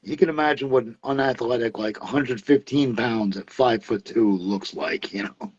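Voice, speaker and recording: A man's voice: mid-range voice, moderate pace, breathy edge. Laughing, rambling New man. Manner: rambling, laughs often, many fillers. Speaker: interview guest, wrestler. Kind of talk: casual storytelling interview. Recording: dull lo-fi sound.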